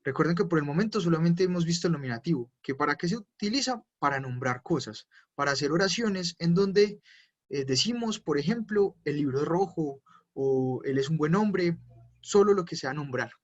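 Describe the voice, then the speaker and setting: During an online German class, a male teacher with a fairly high, lively voice explains things patiently step by step at a moderate pace, using frequent fillers. The lo-fi audio sounds dull.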